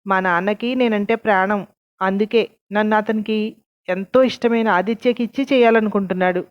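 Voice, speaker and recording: A woman's voice: medium pitch, steady tone, a little fast, close to an everyday voice. A woman voicing a young woman who reproaches her boyfriend with doubt in a read-aloud story. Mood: reproachful. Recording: dull lo-fi recording.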